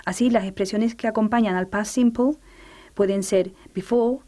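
A woman teaching English grammar in a radio lesson, explaining clearly and reading English examples slowly. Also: mid-range voice, steady tone, dark tone.

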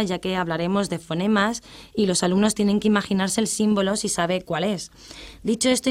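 A woman of medium pitch teaches English grammar on the radio, working through it patiently and methodically and pronouncing the English examples slowly.

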